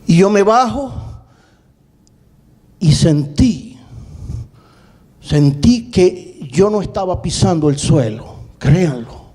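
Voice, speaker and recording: A male pastor preaching, with a high voice and a mellow, dark tone. He tells his story dramatically, repeating words for emphasis and swinging between quick bursts and slow, drawn-out phrases. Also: expressive. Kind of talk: sermon testimony.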